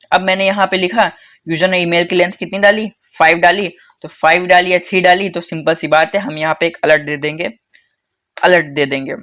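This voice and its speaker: A man teaching a casual coding tutorial who talks fast in a chatty way, calls viewers "bhai" and repeats phrases for emphasis. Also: high-pitched, fairly bright tone. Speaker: coding instructor.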